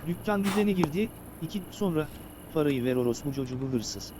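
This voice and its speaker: A man's voice: a little high, lively intonation, a little fast, a little mellow. Crude, mocking man over background noise. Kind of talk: casual gameplay banter. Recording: noisy background.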